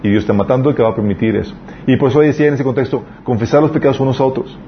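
A man's voice: mid-range voice, racing, a little hiss or hum. A man preaching a sermon in an earnest, conversational way, telling personal stories. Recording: dull lo-fi recording.

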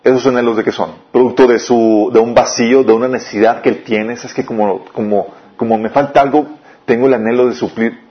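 A man preaching a sermon, often asking the listeners questions and swinging between raised and lowered delivery. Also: brisk. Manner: questioning the listeners often, lively rises and drops. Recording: dull lo-fi recording.

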